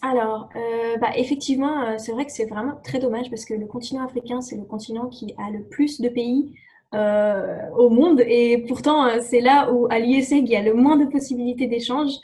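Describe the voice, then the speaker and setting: The exchange student guest, a young woman who speaks English natively, has a slightly high, dark voice that stays steady at a moderate pace. Her casual answers to the interview questions are sprinkled with fillers and restarts.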